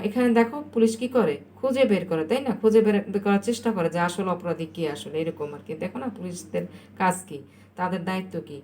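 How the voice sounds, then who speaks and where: A woman's voice: on the low side, a little mellow, slight background noise. A woman teacher giving a recorded lesson, dictating English sentences word by word and often checking with her pupils. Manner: frequent checking questions to pupils.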